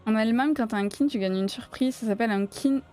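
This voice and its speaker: A woman's voice: fairly high pitch, fast talker, darkish tone, soft background music. A woman from south-west France with a south-west French accent, chatting casually and playfully on a crochet live stream and laughing often as she answers her chat.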